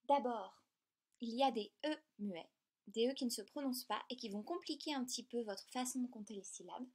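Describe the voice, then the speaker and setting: A woman teaching a lesson in a clear, patient, step-by-step way. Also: on the high side, fairly quick, darkish tone. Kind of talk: explanatory lesson.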